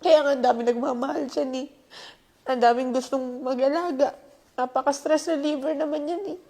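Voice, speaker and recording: A woman's voice: high voice, gravelly, mellow. A woman caretaker speaking in a heartfelt, indignant way in an interview-style confession. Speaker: caretaker in the vlog family.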